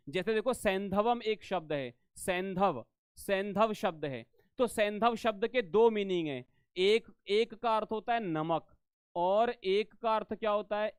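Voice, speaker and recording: A man's voice: high voice, fairly bright tone, clean tone, no echo, studio quality. A man teaching a live online exam-prep class, repeating phrases and quizzing students, often asking if they understood. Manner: addresses students as beta, asks if they understand.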